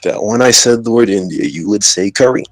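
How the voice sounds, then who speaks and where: A man's voice: lowish voice, fairly quick, no room sound, poor audio. A man hosting a podcast, joking and rambling in casual banter. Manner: joking, rambling, trash-talking. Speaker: podcast host.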